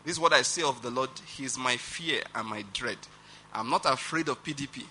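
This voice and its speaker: A man with a Nigerian accent preaching a sermon as pastor, animated and emphatic, with rhetorical questions and chuckles. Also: medium pitch, a little fast, a little hiss or hum.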